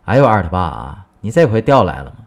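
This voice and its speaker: A man's voice: low voice, very animated, quick pace. A man voicing an envious, nagging middle-aged housewife, in a coaxing, wheedling tone. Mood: asking.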